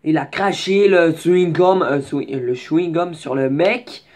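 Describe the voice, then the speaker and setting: A man's voice: a little high, unhurried, darkish tone. Young man telling a rambling story. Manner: slangy, rambling, restarts and asides. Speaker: vlogger. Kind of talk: casual storytelling.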